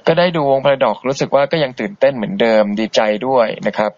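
A man hosting an internet radio show, chatting politely and easygoingly as he reads out and answers listener messages. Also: fast. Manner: easygoing and polite, chatty, soft-spoken asides. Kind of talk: casual radio chat reading listener messages. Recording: dull, boxy low-bitrate internet radio stream.

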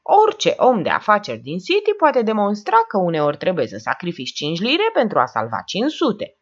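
A woman reading the part of a calm, haughty Englishwoman who speaks in a serene, measured, contemptuous way, in a dull lo-fi recording. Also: medium pitch.

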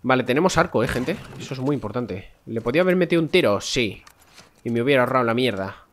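A man's voice: mid-range voice, lively intonation, fast, a bit bright, a little hiss or hum. A man from with a stuffy, nasal voice from a cold, chatting casually to viewers as he plays a game, swearing often. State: congested, nasal voice. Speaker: gameplay streamer. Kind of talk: casual let's-play commentary.

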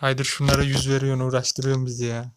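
A man at an ordinary middle pitch commenting casually on a game as he plays it. He keeps up a running chat with his viewers and snaps back at the characters. A faint hiss of noise sits under the voice. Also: completely flat delivery, fast talker. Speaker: let's play gamer.

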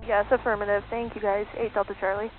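A woman's voice: medium pitch, level tone, fast, narrow, tinny audio, over music. A young woman in her twenties, a student pilot heard over aviation radio, giving clipped radio calls in a composed but nervous way. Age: 20s.

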